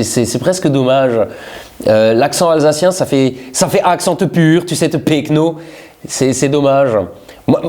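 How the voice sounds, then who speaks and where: A man's voice: mid-range voice, mellow. A man, a YouTuber, chatting casually and reading viewers' letters aloud, laughing often and stumbling over his words.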